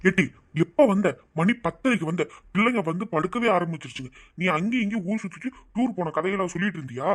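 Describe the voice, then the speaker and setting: Blustering village husband. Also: male voice, sits high, expressive, fast. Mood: accusing. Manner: blustering, threatening. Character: gruff village husband, hot-tempered.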